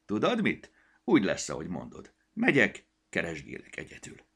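A man's voice: sits low, huge pitch swings, pushed and bright, husky, full character voice. A man voicing a fussy, busy little male elf who chatters and grumbles to himself. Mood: lively.

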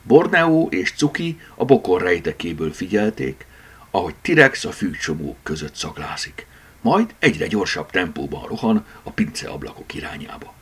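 Low breathy guy reading an audiobook, lots of swing in his voice. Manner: expressive, dramatic storytelling. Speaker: audiobook narrator. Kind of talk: scripted narration.

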